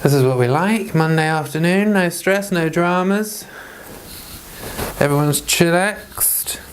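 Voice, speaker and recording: Speaking slowly at a medium pitch, this Bible read-along vlogger starts with casual, rambling chat and then reads scripture aloud, keeping things playful, informal and self-deprecating. There's a bit of hiss or hum on the audio.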